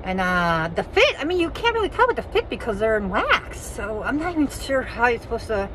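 A woman's voice: on the high side, big pitch swings, a little fast. Woman in her 50s, speaking through a face mask, rambling vlog chat, phone mic outdoors with faint traffic. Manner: chatty, rambling, frank. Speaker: vlogger. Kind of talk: casual vlog update.

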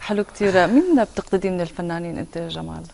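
A young woman with a Syrian accent hosts a studio talk show. She speaks quickly in a slightly low voice, with some noise behind her. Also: expressive, gravelly, darkish tone. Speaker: TV host. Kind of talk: chatty studio interview. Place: TV studio, seated on sofa.

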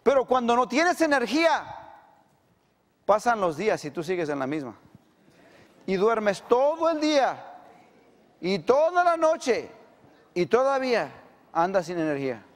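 A man's voice: high-pitched, big pitch swings, a little slow, pauses often, big-room sound. Emphatic male pastor. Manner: emphatic preaching, swings between loud and hushed. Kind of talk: sermon.

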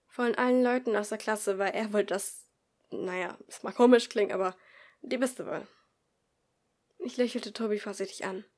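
A woman narrates a first-person story as an amateur audiobook reader. Her delivery is expressive, and she drops to a soft whisper for the narrator's inner thoughts. Her voice sits at an ordinary pitch for a woman.

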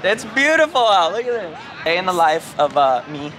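Lively joking young man. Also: sits high, moderate pace, a crowd in the background, noisy background. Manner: playful, joking. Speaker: family member. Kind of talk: casual vlog chat. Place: outdoors and family home.

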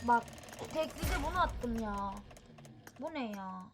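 A woman hosting a gaming channel, giving excited, impatient commentary on a mobile game. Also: on the high side, measured pace. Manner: excitable, impatient, chatty exclamations. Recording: steady background noise.

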